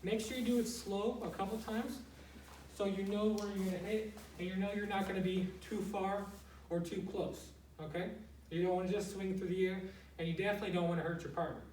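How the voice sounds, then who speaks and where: High-voiced male instructor in an echoey room. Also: fairly even intonation, fairly quick, a little mellow. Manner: plain-spoken, explanatory, frequently checking with "okay". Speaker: martial arts instructor. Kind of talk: casual step-by-step instructional demonstration. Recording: roomy, noisy, distant microphone.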